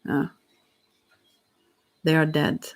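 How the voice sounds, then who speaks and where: A soft-spoken ASMR tarot reader who talks gently and directly to the listener, meandering through pauses and restarts. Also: mid-range voice, level tone.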